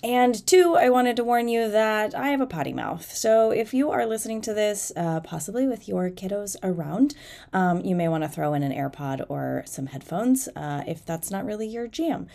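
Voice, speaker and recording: A woman's voice: on the low side, lively intonation, moderate pace, vocal fry, mellow. Nasal, congested woman podcast host. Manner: informal, candid, self-deprecating. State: fighting off a head cold. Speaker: podcast host and fitness coach. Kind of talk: chatty solo podcast monologue.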